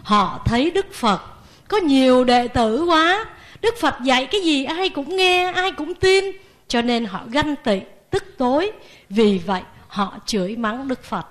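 Woman, Buddhist nun, high voice, lively sermon. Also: unhurried. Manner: lively, asks the audience questions.

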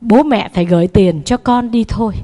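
A woman's voice: a little high, moderate pace, dark tone, natural voice. A woman voicing a young male student son in a told story, earnest and pleading.

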